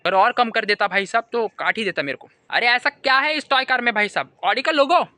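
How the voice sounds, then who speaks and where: A young man telling a comic monologue to camera, animated storytelling that keeps circling back to a catchphrase. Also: extremely high pitch, fairly quick, dry recording. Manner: animated storytelling, keeps repeating "bhai sahab". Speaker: comedy vlogger. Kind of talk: stand-up style comic monologue.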